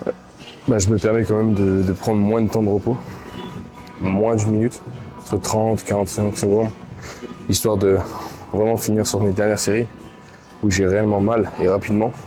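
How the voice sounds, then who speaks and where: Tired deep-voiced Swiss French gym vlogger. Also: male voice, little pitch movement, normal speed, pauses often. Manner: hesitant, many fillers, explaining casually. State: low on energy, tired late at night. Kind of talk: casual workout vlog talk. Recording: gym recording with loud background music.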